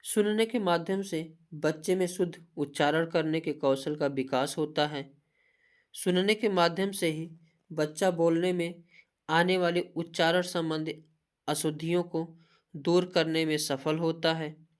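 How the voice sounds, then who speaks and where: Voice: medium pitch, a little slow, clear, resonant tone. Hindi teacher reading out exam points. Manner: asks a question mid-sentence and answers it herself; reads points off in a steady listing voice. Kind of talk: exam-prep lecture.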